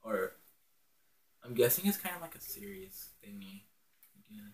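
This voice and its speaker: A man's voice: fairly low pitch, big pitch swings, normal speed. A teenage boy at home in his bedroom, rambling and giggling through casual game commentary, recorded on a phone on a stand. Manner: rambling and giggly, with many ums. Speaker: gaming channel host.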